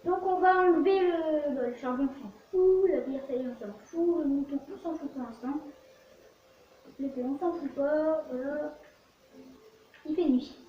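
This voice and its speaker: A woman's voice: high voice, unhurried. A woman giving casual let's play commentary as host of a gaming video, narrating what they do in short fragments. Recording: very echoey, distant, muffled, faint noise.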